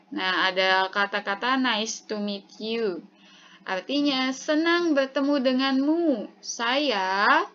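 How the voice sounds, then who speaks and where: A woman teacher explains each phrase patiently in a slow, unhurried lesson. Her voice is bright and sits a little high. The recording is dull and lo-fi.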